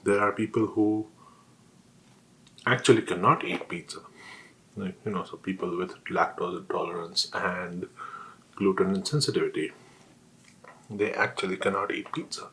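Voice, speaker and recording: A man's voice: low voice, steady tone, moderate pace, long pauses, fairly bright tone, poor audio. A man on a casual solo rant, talking while eating with his mouth sometimes full, often asking questions and answering them himself. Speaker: vlogger.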